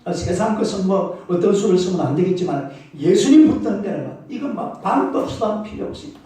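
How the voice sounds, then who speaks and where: A man's voice: high-pitched, a little fast. A man preaching a sermon as pastor, telling stories vividly and calling out to the congregation. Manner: animated storytelling, calls out for congregation replies. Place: church sanctuary. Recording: echoey church hall from a distance.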